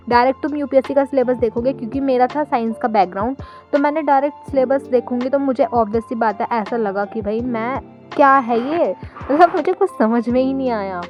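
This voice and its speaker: Young woman, slightly high voice, chatty, earnest vlog advice over light music. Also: highs cut off. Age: 20s. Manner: chatty and earnest, full of fillers. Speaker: study vlogger. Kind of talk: casual advice monologue.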